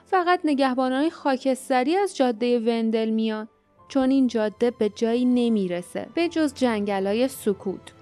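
A woman's voice: fairly high pitch, warm tone, faint music behind, close to an everyday voice. A woman voicing a scornful, wary teenage girl who lives wild in a forest, in a storybook reading. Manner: mocking, wary.

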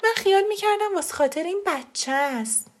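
A woman reader voicing a middle-aged aunt who is tearful and defensive, with a shrill pleading manner. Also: lively intonation. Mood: upset pleading.

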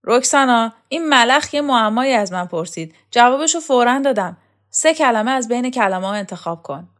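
Woman reading as a sharp-tongued bossy woman who barks orders, raising her voice higher and louder than the narration. It sounds like a storybook audiobook. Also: animated, natural voice. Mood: boastful. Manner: barking, scolding. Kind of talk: audiobook character voice.

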